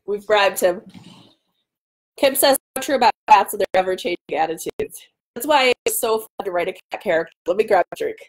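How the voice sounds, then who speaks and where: A chatty woman, an author, hosts a casual livestream from her home dining room, answering viewer questions and interrupting herself with tangents. Her voice is medium-pitched and fairly quick, and the audio is poor, picked up by a webcam at arm's length.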